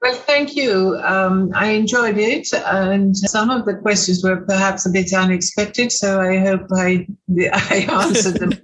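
A woman's voice: mid-range voice, steady tone, measured pace, few pauses, rough recording. A woman speaking as an interview guest in a formal, courteous way. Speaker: interview guest, racehorse owner. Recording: clicks and background noise.

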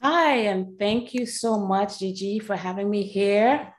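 A woman from Trinidad and Tobago, telling a personal story on a panel with hesitant pauses and frequent ums. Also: mid-range voice. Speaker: panel speaker, leadership coach. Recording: echoey room.

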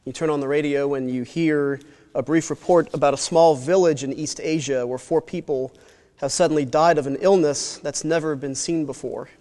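A man telling a dramatic second-person story in a sermon, earnest and slowing down at tense moments. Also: a little high, fairly even intonation, a little mellow, in a large hall.

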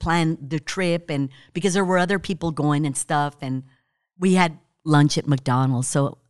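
Older woman, storytelling, frequent laughter, lowish voice, dry close sound. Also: normal speed, clear, resonant tone, no room sound. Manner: laughs often while telling stories. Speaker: interviewee. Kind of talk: storytelling interview.

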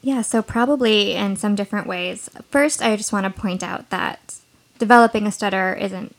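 Woman, from Washington state, podcast co-host, gravelly edge, explanatory. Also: medium pitch, normal speed. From Washington state, United States. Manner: explanatory, thoughtful, hedging with fillers. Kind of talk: casual true-crime podcast chat.

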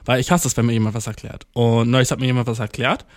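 A man's voice: mid-range voice, fairly even intonation, fast. A man podcasting from home, ranting in a casual, restless way, swearing a lot and dropping English slang. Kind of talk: casual rant to the listener.

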